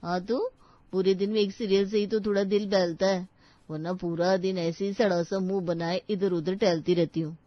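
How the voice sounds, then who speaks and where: A woman's voice: medium pitch, fairly even intonation, moderate pace, dry recording, lightly acted. Breezy young sister-in-law, voiced by a woman. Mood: chatty. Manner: casual, breezy advice-giving. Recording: dry, dull lo-fi sound.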